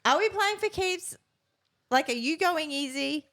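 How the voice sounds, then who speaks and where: A woman's voice: high-pitched, expressive, unhurried, sharp tone. A woman co-hosting a podcast in casual chat, giggling and humming playfully during a word game. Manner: giggly, sings and hums playfully. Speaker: podcast co-host.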